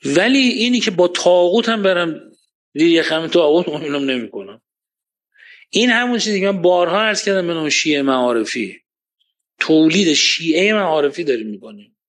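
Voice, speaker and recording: A man with a fairly high voice delivers a religious lecture with passion. He swings between loud, emphatic points and quiet, muttered asides, stopping now and then to recite scripture. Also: lively intonation. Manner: recites Quranic Arabic verses.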